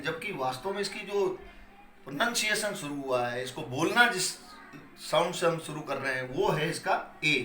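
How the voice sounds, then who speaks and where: A man's voice: high-pitched, pushed and bright. A man teaching English grammar in Hindi, with Hindi-accented English terms, explaining patiently and answering his own questions. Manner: explains patiently, repeating key points and asking questions he then answers. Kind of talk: classroom lecture. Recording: echoey room with faint ambient noise.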